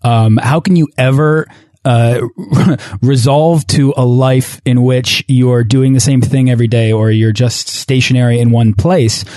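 A man's voice: mid-range voice, steady tone, measured pace, mellow, no echo, studio quality. A man hosting a podcast, reading an upbeat intro and interviewing a guest. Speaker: podcast host.

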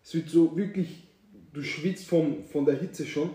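A man's voice: on the high side, measured pace, distant mic. Young man telling a story, echoey room. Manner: animated slangy storyteller, acts out scenes. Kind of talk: casual storytelling among friends.

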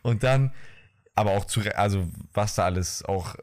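A man's voice: lowish voice, moderate pace, a little mellow. Young man telling a story with slang. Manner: storytelling with slang, laughing often. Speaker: podcast co-host. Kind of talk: casual chat.

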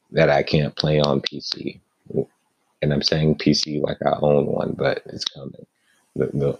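A man's voice: very deep voice, vocal fry, highs cut off, a little hiss or hum. A man hosting a casual gaming podcast, ranting bluntly with profanity and mocking himself. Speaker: podcast host.

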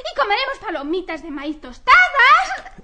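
A woman's voice: extremely high pitch, wildly swooping pitch, moderate pace, sharp tone, exaggerated voice. A woman playing a clever young hedgehog child in an old radio drama, chattering eagerly. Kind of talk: 1970s radio drama acting.

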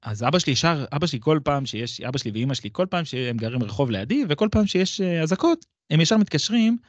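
A man in his thirties co-hosting a podcast, telling a personal story in lively bursts that jump up and down in pitch. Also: dry recording. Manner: animated storyteller with wide pitch swings. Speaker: podcast co-host. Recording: dry, slightly dull sound.

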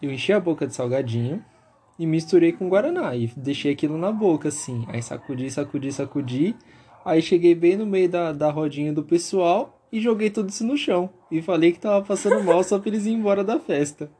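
A young man, co-hosting a podcast in a relaxed, teasing way. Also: a little high, a little fast, husky. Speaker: podcast co-host. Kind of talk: casual podcast chat.

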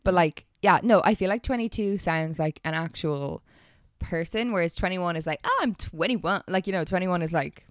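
A young Irish woman in her twenties co-hosting a casual podcast, animated, laughing and swearing freely. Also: lowish voice, moderate pace, no room sound, clean studio sound. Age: 20s. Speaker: podcast co-host. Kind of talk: casual chat.

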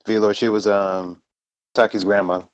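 A man's voice: on the low side, level tone, dull audio. A man co-hosting a podcast in casual fan chat, often repeating the starts of his phrases as he goes. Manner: stammering, repeats phrase starts while rushing ahead. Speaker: podcast co-host.

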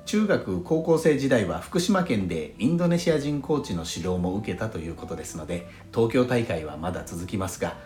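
Low-voiced man hosting a solo podcast. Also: very animated, fairly quick, few pauses, darkish tone. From Fukushima, Japan. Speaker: podcast host. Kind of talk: solo audio podcast talk. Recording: roomy sound with faint background music.

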